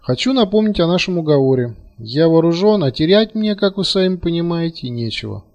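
A man's voice: fairly high pitch, lively intonation, fairly quick, a little mellow, muffled recording, voice pushed up. A man voicing a cold menacing operative. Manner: commanding, threatening.

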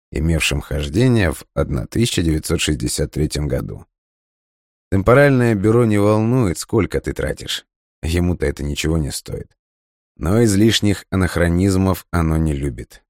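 Deep-voiced man reading a story. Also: a little mellow, dry recording, studio quality. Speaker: audiobook narrator. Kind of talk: scripted first-person narration.

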